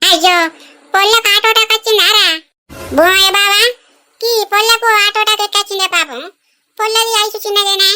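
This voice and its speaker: A woman voicing an old village grandmother in a cartoon, speaking in a shrill, wailing lament. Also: steady tone, fairly quick, pauses often, sharp tone. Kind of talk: cartoon voice acting.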